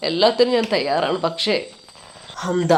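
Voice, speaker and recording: A woman voicing a lovesick, anxious young man in a storybook tale, speaking softly and tearfully. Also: on the low side, animated, moderate pace, lightly acted. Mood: sorrowful. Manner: soft, quiet and tearful.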